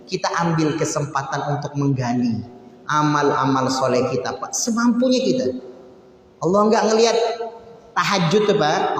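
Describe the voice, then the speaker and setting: A man gives a conversational mosque sermon in a fairly high voice. He talks straight to the congregation and rises to forceful emphasis. The sound carries a long, heavy echo through a large hall. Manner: conversational, addresses listeners as Pak, rising to emphatic peaks. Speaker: preacher.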